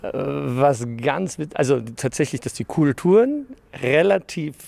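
Gravelly man answering hesitantly outdoors. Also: fairly high pitch, lively intonation, a little slow, a little mellow. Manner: hesitant, with many fillers. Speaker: comedian interviewed as a guest. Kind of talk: interview answers. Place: outdoors on a fairground.

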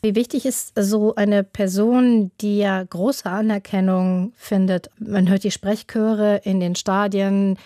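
Woman interviewer, mellow tone, composed framed questions, dry close sound. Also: mid-range voice, steady tone, slow pace, hardly any pauses, no echo.

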